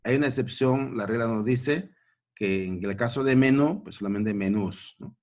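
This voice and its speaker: A man's voice: mid-range voice, darkish tone. A man teaching a grammar lesson at a board, repeating points and checking in with short questions. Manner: slow, repetitive, checking in with "¿no?" and "¿ya?".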